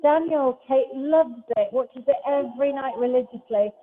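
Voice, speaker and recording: A woman leading a Pilates class, giving calm step-by-step cues mixed with chatty asides. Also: high-pitched, normal speed. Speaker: Pilates instructor. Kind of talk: guiding an exercise class. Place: large hall, class streamed over a video call. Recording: echoey hall over a thin phone-like line.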